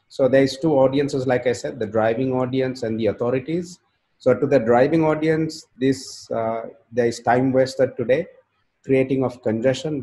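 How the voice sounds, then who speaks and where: A man giving a business pitch, steady and explanatory with some fillers. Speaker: startup presenter.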